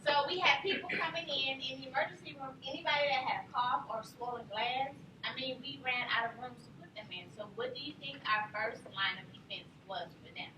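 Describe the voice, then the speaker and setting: A woman teaching a nursing class, telling lively stories and quizzing her students. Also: high-pitched, fairly quick, few pauses, background noise. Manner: animated storyteller, quizzes the class. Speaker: nursing instructor. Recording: roomy classroom from far off.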